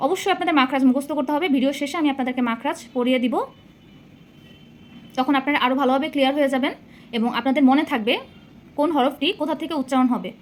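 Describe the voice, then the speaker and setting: A woman with a high-pitched voice leads a Quran reading lesson. She is patient and careful, sounding out each letter slowly and repeating it. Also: slight background noise. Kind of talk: slow recitation lesson.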